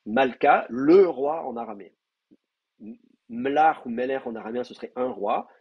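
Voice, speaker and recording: A man's voice: mid-range voice, moderate pace, husky, highs cut off. A man teaching an online class, explaining patiently with many fillers and restarts. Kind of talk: online lecture.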